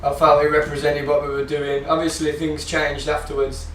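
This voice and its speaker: A man's voice: a little high, monotone, normal speed, a bit bright, a little hiss or hum. A man telling a casual story about naming his band in a documentary interview. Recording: echoey room from a distance.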